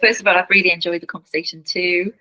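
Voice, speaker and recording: A woman who facilitates family constellations talks about her healing practice as a podcast guest, in a casual interview chat. Her lowish voice is fast, pushed and bright with a steady tone, and she speaks earnestly, repeating words as she searches for them, on a low-quality recording.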